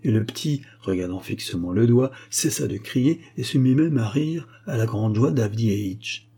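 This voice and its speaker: Husky-voiced male storyteller. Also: medium pitch, expressive, moderate pace, dark tone. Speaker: audiobook narrator. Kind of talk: storybook narration.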